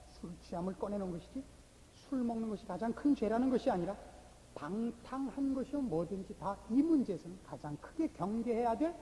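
Lively, teasing preacher in a reverberant hall. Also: medium pitch, a little hiss or hum. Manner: scolding rhetorical questions to the congregation. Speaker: pastor. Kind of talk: sermon.

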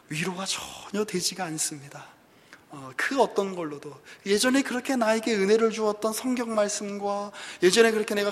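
High-voiced Korean-speaking pastor in a reverberant hall. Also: male voice. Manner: rhetorical questions, voices a complaining believer. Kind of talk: sermon.

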